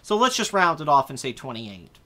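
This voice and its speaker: A man's voice: on the high side, sing-song, normal speed, pushed and bright. A man in his twenties hosting a casual live chat about movies, rambling and correcting himself as he answers viewer comments. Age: 20s. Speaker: host.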